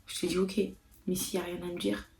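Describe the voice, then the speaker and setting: A young woman with a French accent answering viewer questions in a casual vlog, emphatic and animated, repeating words for emphasis. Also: lowish voice, fast, creaky, reverberant. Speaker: vlogger.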